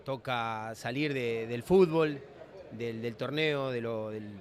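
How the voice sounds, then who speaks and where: A man's voice: mid-range voice, slow, a little hiss or hum. A man hosting a casual interview, talking loosely with many restarts. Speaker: host. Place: trade fair floor.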